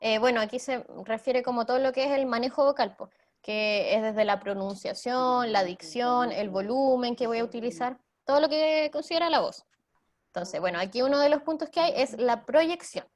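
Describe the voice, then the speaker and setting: A young woman with a Chilean accent leads a theater workshop, explaining breathing and projection. Her voice sits high, and she laughs easily as she talks. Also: normal speed. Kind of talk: online workshop talk.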